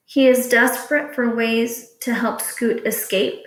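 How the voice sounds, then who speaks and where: This fairly high-voiced woman keeps her intonation fairly even while reading test questions the way a teacher would. She goes very slowly and deliberately, and the echoey room adds clear reverberation.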